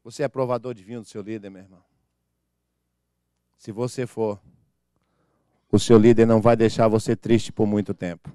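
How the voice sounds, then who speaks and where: A man preaching a sermon as pastor, swinging from soft low asides to loud proclamations and comic impressions of churchgoers. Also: normal speed, pauses often, clear, resonant tone, no echo, clean studio sound. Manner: animated, mimics church members with comic voices.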